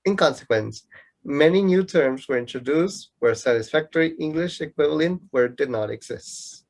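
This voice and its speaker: Playing a know-it-all young student competing as a rival in love, this radio-play actor shows off his knowledge through explanations. His voice is fairly high yet darkish in tone, with lively intonation at a normal speed.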